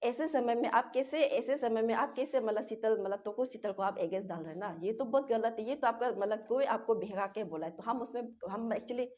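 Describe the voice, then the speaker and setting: A woman's voice: on the high side, normal speed, hardly any pauses, a little mellow. A young woman from Arunachal Pradesh, a local language her first tongue, giving a rambling, distressed first-person account. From Arunachal Pradesh, Northeast India. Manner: rambling, repetitive, distressed retelling. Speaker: interviewee. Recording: dull lo-fi recording.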